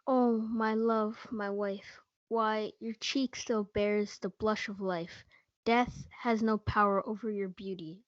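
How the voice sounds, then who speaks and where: A woman's voice: mid-range voice, no room sound, lightly acted. A female student playing Romeo, a grieving, defiant young lover, in a school reader's theatre performance. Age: young teen or student. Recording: dull lo-fi audio.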